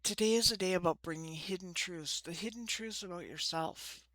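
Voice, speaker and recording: Lady w a lisp, slushy s's, deep-ish voice, chatty spiritual vlog, really dry sound. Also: moderate pace, fairly bright tone, no echo, rough recording. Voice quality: lisping, slushy sibilants from ill-fitting dentures. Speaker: host of a spiritual card-reading channel. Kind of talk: informal spiritual talk to camera. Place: small room.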